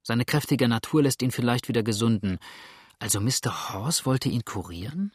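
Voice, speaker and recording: A man's voice: medium pitch, expressive, normal speed, husky, no room sound, studio quality. A male audiobook reader voicing an earnest, urgent young farmer. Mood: brooding.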